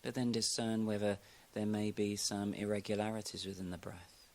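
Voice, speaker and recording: In the role of a yoga nidra teacher, a man whose voice sits on the low side talks listeners through a meditation. He stays calm and unhurried, pausing at length.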